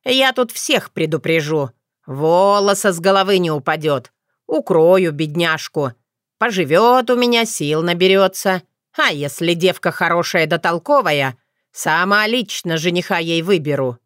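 A woman's voice: lowish voice, animated, a little slow, fairly bright tone, dry recording, clean studio sound. A woman voicing a playful, bossy old witch grandmother who talks in a teasing, folksy way.

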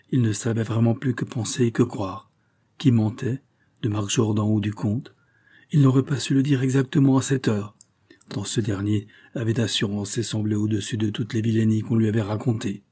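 A man reads a classic novel aloud with steady, theatrical delivery. His voice sits low and dark, with a husky edge. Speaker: audiobook narrator. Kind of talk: scripted narration.

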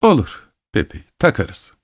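A man voicing a stern, sharp-tongued farm mother who scolds and gives orders. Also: slow, natural voice. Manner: scolding, commanding.

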